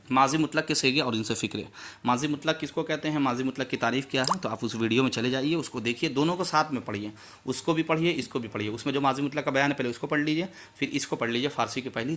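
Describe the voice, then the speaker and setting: A man's voice: mid-range voice, fairly bright tone. A man teaching a Persian grammar lesson, saying each word and its meaning over and over as a drill.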